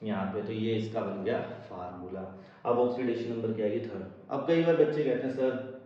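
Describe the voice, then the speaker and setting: A man's voice: fairly low pitch, fairly quick. Echoey male teacher, distant, dull mic. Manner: asks the class questions and answers them himself. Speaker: chemistry teacher. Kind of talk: lecture to students.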